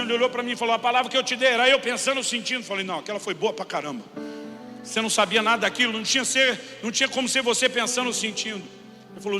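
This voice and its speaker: A man preaching a sermon, telling a story with acted-out dialogue, sometimes rising to shouts. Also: high-pitched. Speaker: pastor. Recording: long hall reverb with faint music.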